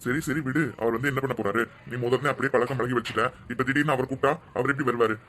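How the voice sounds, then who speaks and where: A man's voice: mid-range voice, steady tone, fast talker, a bit bright, a little hiss or hum, close to an everyday voice. A man voicing a sorrowful old grandfather in a cartoon drama, soothing and mournful. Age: older.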